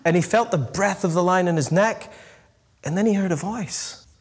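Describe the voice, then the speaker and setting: A middle-aged priest with a slightly high voice delivers a sermon to a live audience. He tells stories with lively emphasis and slows down to land his key points.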